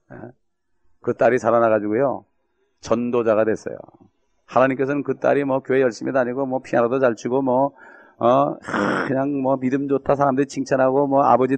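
A male pastor delivers a sermon in a rough, gravelly voice, speaking quickly. He keeps turning to the congregation with quick rhetorical questions. His pitch sits in a middle range for a man. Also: a little mellow, lo-fi sound.

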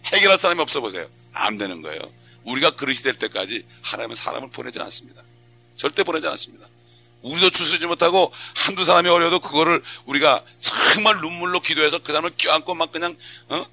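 A man's voice: a little high, lively intonation, fast talker, creaky, pushed and bright, slight background noise. A middle-aged man preaching a fervent sermon as a pastor, full of rhetorical questions and acted-out prayers.

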